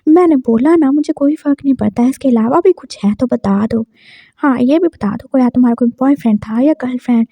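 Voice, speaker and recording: A teasing yet protective young man , voiced by a woman, speaks in a light, playful tone. His voice sits high, recorded close and dry with slightly dulled highs. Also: fairly quick, dry recording, lo-fi sound. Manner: teasing, then gently soothing.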